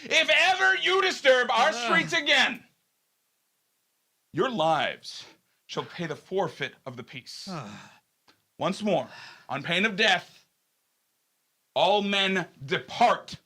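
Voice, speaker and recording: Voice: mid-range voice, very animated, pushed and bright, full character voice. Reader playing a stern scolding prince. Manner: slow and deliberate, breaks into laughs. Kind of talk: amateur script reading.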